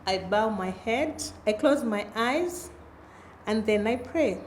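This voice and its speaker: A woman's voice: fairly high pitch, lively intonation, slow pace. A woman Sunday school teacher talking to young children like a kindergarten teacher, in simple phrases with questions for them. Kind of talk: children's Bible lesson. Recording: echoey room, faint background noise.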